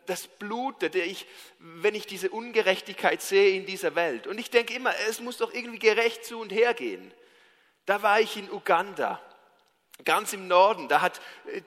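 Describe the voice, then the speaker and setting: A man with a Swiss German accent preaches in a high, bright voice. He moves through funny personal stories in an animated, self-mocking way. The sound carries a long reverb from a large hall. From Switzerland. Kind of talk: sermon with humorous personal stories.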